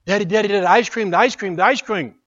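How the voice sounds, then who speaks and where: A woman's voice: mid-range voice, very fast, dull audio, pitched above the performer's own voice, natural voice. A man voicing an impatient five-year-old girl who begs and cries for ice cream, repeating herself. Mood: pleading. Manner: pleading, whiny repetition.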